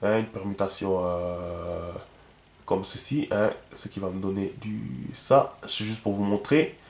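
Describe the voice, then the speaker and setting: A man's voice: low voice, steady tone, unhurried, vocal fry, darkish tone, roomy sound. A man giving a casual spoken lesson, thinking aloud with many fillers and repeated words, often checking that his listeners follow. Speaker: teacher.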